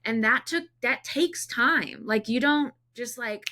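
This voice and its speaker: A woman's voice: on the high side, takes it slowly, sharp tone. A woman in her thirties, a singer-songwriter guest, chatting casually in a podcast conversation and often restarting and repeating words. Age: 30s.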